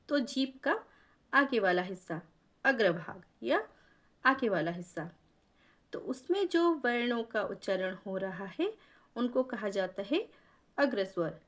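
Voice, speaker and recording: Woman teacher, slow deliberate pace, fairly high voice, patient explanations, drills vowel sounds aloud. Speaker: Hindi grammar teacher. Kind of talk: classroom lesson explaining vowel pronunciation.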